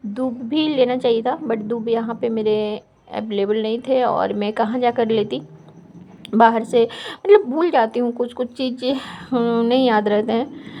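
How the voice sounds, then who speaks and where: A woman vlogger narrating her video in a fast, chatty voice-over, with frequent fillers. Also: on the high side, highs cut off, slight background noise. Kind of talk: casual vlog voice-over.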